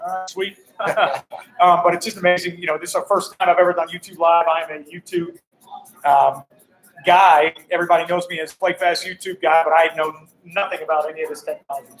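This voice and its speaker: A man, a high school football coach, hosting a casual live-stream walkaround, upbeat and greeting viewers and passersby. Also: flat delivery, fairly quick, fairly bright tone, faint music behind, low-quality recording. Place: hotel during a coaching clinic.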